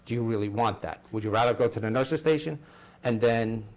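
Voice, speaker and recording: An installer trains workplace staff on an intercom system in an informal hands-on demonstration, going step by step and often repeating phrases. His voice is medium-pitched and brisk. The indoor room is noisy, with ambient background hiss.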